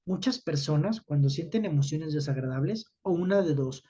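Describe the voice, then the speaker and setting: A man's voice: fairly high pitch, animated, moderate pace, dark tone, slightly rough, lo-fi sound. A man, teaching students about emotions in an explanatory talk, often checking in with his listeners.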